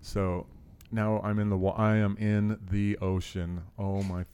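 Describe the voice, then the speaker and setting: A man with a fairly low voice is telling a story on a casual podcast. He is animated and swears freely, often breaking into laughs. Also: measured pace, smooth.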